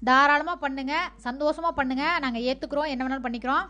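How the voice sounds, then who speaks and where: High-voiced woman pleading fast. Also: steady tone, bright, forceful tone. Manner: earnest, pleading, scolding. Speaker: TikTok user defending a friend. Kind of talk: direct-to-camera appeal.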